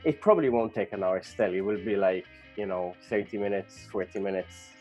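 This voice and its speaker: A man's voice: on the low side, fairly quick, a little mellow, soft background music. A man hosting a podcast interview in a casual, rambling way, with many fillers and restarts. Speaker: podcast host.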